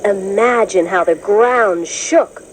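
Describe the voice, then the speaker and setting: A woman with a medium-pitched voice narrates a children's educational book from a script, speaking clearly and at a measured pace, explaining things as if to young listeners. There's background noise in the recording.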